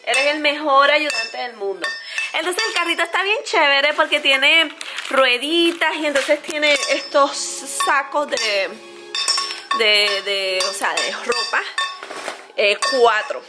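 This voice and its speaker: A woman's voice: sits high, slow, music in the background. A woman in her thirties chatting casually to viewers as a family vlogger, holding the camera at arm's length at home. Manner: chatty, talks to viewers as friends. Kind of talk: casual family vlog chat. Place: home and outdoor café. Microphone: handheld camera at arm's length. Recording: noisy home recording.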